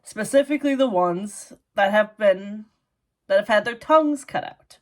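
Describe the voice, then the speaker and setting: A woman's voice: mid-range voice, expressive, normal speed. A woman with a Minnesotan accent, chatting casually through a book review and padding her talk with "like" and "you know". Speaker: book vlogger.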